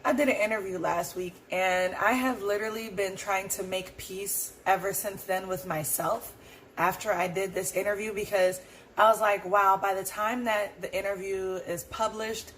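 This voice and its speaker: On her podcast, a woman reflects alone in a casual, earnest ramble, taking her time, returning to her points, and using lots of fillers. Her hoarse, roughened voice sits at a middle pitch with a steady tone and a bit of brightness. The audio is poor, and faint background noise hums beneath it.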